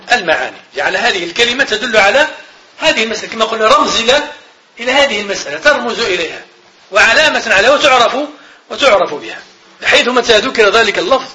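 A man giving a classroom grammar lecture, repeating each definition slowly and checking that students follow. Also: sits high, pushed and bright. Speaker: grammar teacher.

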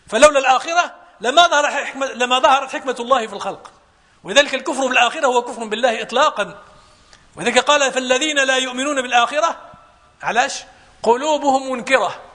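High-pitched, fast Moroccan preacher man. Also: pushed and bright, husky. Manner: explains with rhetorical questions, mixing classical Arabic and dialect. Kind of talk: Quranic exegesis lesson.

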